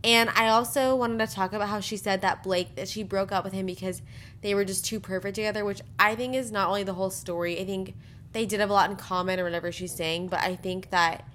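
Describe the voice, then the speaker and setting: A young woman chatting casually as a podcast co-host, blunt and giggly, her words running on with lots of fillers. Her pitch sits in a middle range for a woman. A faint low rumble hums under the recording. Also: fairly even intonation, fast, fairly bright tone. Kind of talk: casual chat about a reality dating show.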